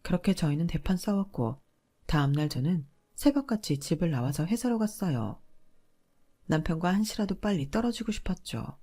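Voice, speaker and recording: Woman, first-person story narration, steady, aggrieved, scripted. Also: on the low side.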